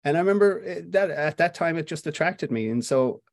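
A man's voice: a little high, lively intonation, brisk, no echo, clean studio sound. An Irish man, a playwright, talking reflectively in an interview, with fillers and restarts. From Ireland. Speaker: playwright guest. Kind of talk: conversational interview.

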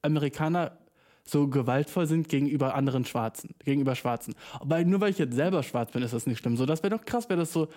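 A young man from Germany talks straight into his microphone for a casual solo podcast. His speech is slangy and full of English words, and he bursts into lively, excited stretches. His voice has a mellow, warm, relaxed tone. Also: a little high, quick pace. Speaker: podcast host. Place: small room, speaking into a microphone.

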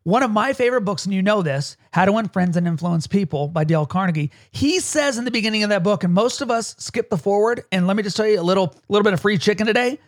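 A man's voice: high-pitched, expressive, fast, hardly any pauses, no room sound, studio quality. A man hosting a podcast about leadership, talking casually, laughing often and tagging his points with "right?". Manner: chatty, laughs often, keeps asking "right?". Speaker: podcast host and leadership coach.

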